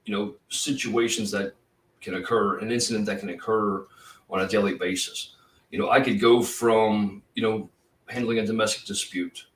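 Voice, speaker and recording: A retired police officer talking in a casual podcast conversation, intense and profane, rambling with many fillers. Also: male voice, on the low side, a bit bright. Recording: roomy, distant from the mic.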